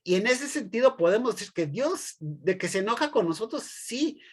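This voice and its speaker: Teacher, class lecture, hesitant, filler-heavy, repeats words, everyday examples, mid pitch. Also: big pitch swings, normal speed, breathy edge. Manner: hesitant, many fillers and restarts, tag questions.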